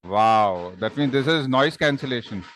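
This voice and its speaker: With a South Indian accent, a man teaches an online class through a headset microphone, speaking conversationally with examples and often tacking questioning tags onto his phrases. His voice is medium in pitch and fairly bright, with lively intonation and a moderate pace, and his manner is informal.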